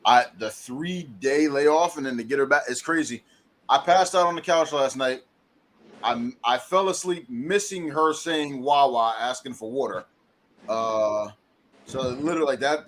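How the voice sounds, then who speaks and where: A man's voice: mid-range voice, moderate pace. A man co-hosting a casual podcast, earnest and stammering over his words. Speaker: podcast co-host. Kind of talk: casual live podcast chat.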